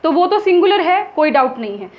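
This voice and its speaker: A woman teaching English grammar in Hindi, asking and answering her own questions and dictating examples slowly. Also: extremely high pitch, very animated, muffled recording. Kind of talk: classroom lesson in Hindi.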